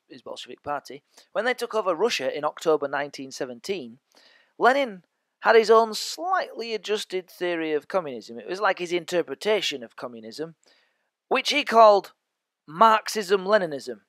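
Guy with a high voice doing a casual history podcast lesson, jokey asides, dry close sound. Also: a bit bright, no echo. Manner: chatty, jokey asides to listeners. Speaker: teacher. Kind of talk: educational podcast lecture.

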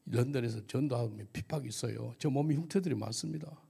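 Gravelly, husky man preaching a testimony. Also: medium pitch, fast talker, warm tone. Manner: vivid storytelling, asks the audience questions. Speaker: missionary pastor. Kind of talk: testimony sermon. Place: church worship service.

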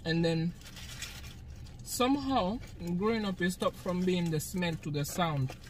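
A woman's voice: lowish voice, lively intonation, a little slow, a little mellow. A young Jamaican woman talks casually while eating, recorded on a phone in a parked car at night. She is chatty and laughs often between her points. A faint hiss runs under her voice. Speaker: vlogger. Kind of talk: casual eating-show chat.

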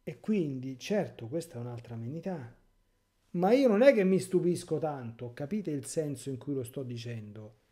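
Dark-voiced impassioned priest. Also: male voice, on the high side, very animated, moderate pace. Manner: impassioned, rhetorical, sarcastic asides. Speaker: priest giving catechesis. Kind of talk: catechesis sermon.

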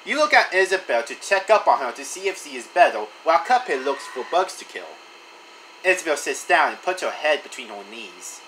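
A man casually reading a text adventure aloud, in an animated voice that stumbles and restarts now and then. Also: a little high, brisk, a little hiss or hum, poor audio. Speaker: channel host reading a story game aloud.

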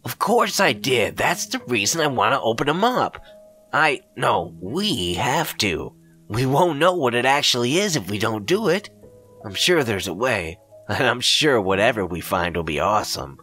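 A man voicing an obsessed, reckless young man who talks fast and pushes excitedly. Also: mid-range voice, faint music behind, pitched above the performer's own voice.

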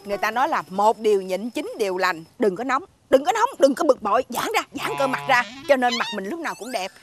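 A woman's voice: fairly high pitch, expressive, fast, lightly acted. A woman with a Southern Vietnamese accent playing a prim neighbor who preaches patience in a TV comedy sketch, talking in an exaggerated sing-song with squealing outbursts. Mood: preachy. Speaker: comic actress in a TV sketch. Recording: music bed under the dialogue.

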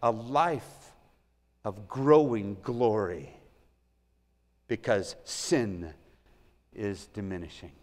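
A man's voice: fairly low pitch, extremely slow, long pauses, a little mellow. Preaching man in a reverberant church. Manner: earnest, swells and drops in volume for emphasis. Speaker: pastor. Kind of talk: sermon. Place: church sanctuary.

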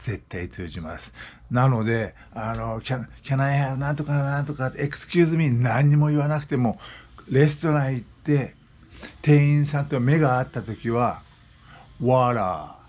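A man's voice: mid-range voice, a little slow, a little mellow. A man in his sixties talking casually as a vlogger, explaining things with repeated examples. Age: 60s. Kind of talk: casual monologue. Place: West Oahu, Hawaii.

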